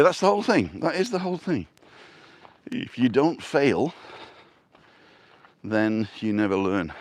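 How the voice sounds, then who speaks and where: This vlog host, a man with a Yorkshire accent and a lowish voice, chats and jokes during a casual live-stream walk along a seaside walkway outdoors, reading viewer comments aloud as he goes.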